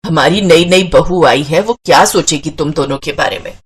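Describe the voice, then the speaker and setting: A woman voicing a firm, motherly older village mother-in-law who talks slowly in a cartoon. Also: sits low, slightly rough, pitched below the performer's own voice. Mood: scolding.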